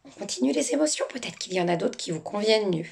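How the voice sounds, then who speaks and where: Gentle teacher with a gravelly voice. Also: female voice, mid-range voice, animated, fast talker, a little hiss or hum. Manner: gentle, reassuring, talks to the children directly. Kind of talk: reading a picture book to children.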